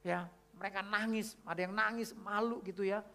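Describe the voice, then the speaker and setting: A man preaching a youth sermon, telling a personal story and swinging between loud, animated passages and hushed ones. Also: high voice, normal speed, vocal fry.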